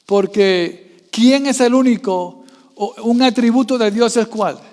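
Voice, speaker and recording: A man with a strikingly high voice preaches a sermon, constantly quizzing his congregation with questions. He swings between quiet, low asides and loud, raised passages. His voice trails off into a long reverb from the church hall. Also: slow pace. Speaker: pastor.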